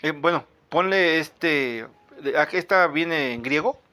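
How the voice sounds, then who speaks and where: A man's voice: fairly high pitch, a little slow, sharp tone, clear, resonant tone. A man, a pastor who leads a fervent prayer and then teaches the Bible in a conversational way.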